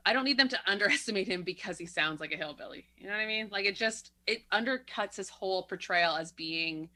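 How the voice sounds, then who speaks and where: A woman's voice: medium pitch, quick pace, bright, forceful tone. A woman co-hosting a film podcast, blunt and emphatic in her opinions. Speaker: podcast co-host. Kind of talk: casual film-review chat.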